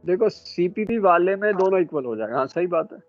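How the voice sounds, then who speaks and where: A man teaching a class on ships, quizzing and correcting his students in a brisk, scolding way. His voice sits a little high and sounds dry and close. The sound is dull and muffled, with faint music underneath. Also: expressive, no echo. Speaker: instructor. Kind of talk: classroom lecture.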